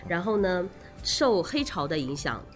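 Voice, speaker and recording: A woman's voice: on the low side, very animated, measured pace, soft background music. A woman speaking as an interview guest, explaining things casually step by step. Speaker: guest, association president.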